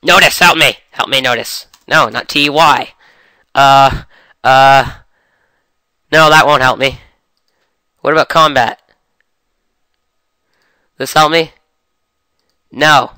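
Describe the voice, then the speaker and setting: A young man with a cold, chatting excitedly through a game session. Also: medium pitch, drawn-out words, long pauses, clean tone, dry recording. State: has a cold. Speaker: gamer. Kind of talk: casual game commentary.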